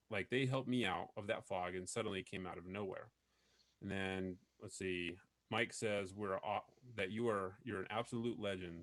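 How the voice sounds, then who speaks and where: A man's voice: fairly low pitch, no room sound. A man hosting a podcast, talking earnestly and rambling with many fillers in casual chat. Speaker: podcast host.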